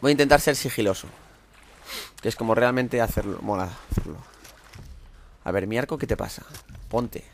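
Excitable Spanish man commentating gameplay. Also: mid-range voice, moderate pace, long pauses, slight background noise. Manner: excitable, talks to himself while playing, sudden loud outbursts. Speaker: gameplay streamer.

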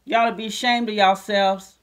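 A woman's voice: mid-range voice, fairly even intonation, moderate pace. A woman giving ranting, preachy commentary, mocking and combative as she calls out critics and reads scripture. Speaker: self-styled prophetess vlogger.

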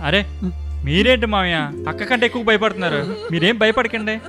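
A man playing a fast-talking brisk brother. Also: high voice, over music, lightly acted. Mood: reassuring. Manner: fast, reassuring, take-charge. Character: brisk young man, the anxious mother's younger brother.

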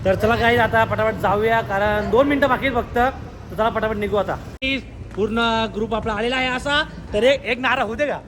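A man's voice: sits high, a little fast, a bit bright, slight background noise. A young man chatting casually to his vlog viewers, teasing friends with lots of laughter. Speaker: vlogger.

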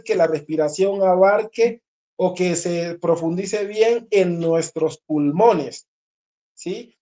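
Warm and mid-range, this voice belongs to a singing teacher guiding a group lesson. The teacher walks through ideas patiently, goes back over the important points, and keeps checking on the listeners.

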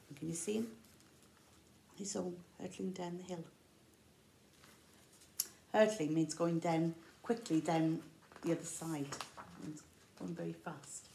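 With a voice on the low side and a touch of vocal fry, a middle-aged Englishwoman who teaches infant school reads a picture book expressively to young kids. She explains words simply, the way a teacher would. The echo suggests a roomy indoor space with large windows.

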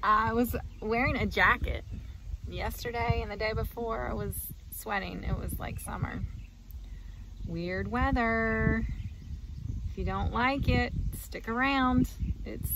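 In a slow, slightly high voice, a woman in her forties chats and laughs her way through a casual vlog about the farm. She films on a phone at arm's length in a truck and out in the fields, so the outdoor recording is noisy, with truck and outdoor ambience.

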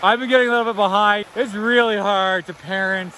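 Casual dad vlogger, high voice, speaks to an arm's-length camera, loud music under him. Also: male voice, steady tone, fairly quick. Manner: cheering on his kids while skiing. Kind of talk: casual vlog. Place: outdoors on ski slopes and in a car. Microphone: action camera held at arm's length.

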